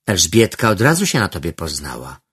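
A man's voice: on the low side, very animated, slow pace, husky, no room sound, clean studio sound, full character voice. A man voicing a sly teenage girl in a read-aloud story, coaxing in a honeyed, superior way. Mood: wheedling. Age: about 13. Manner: condescending, then sweetly wheedling.

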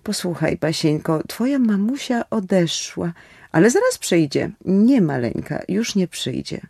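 Gentle shaky doctor guy, man doing it, soft trembly voice, a bit high, storybook reading. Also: sing-song, unhurried, gravelly, no echo, studio quality, heavily acted. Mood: tender, grieving. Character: gentle, shaken middle-aged male doctor.

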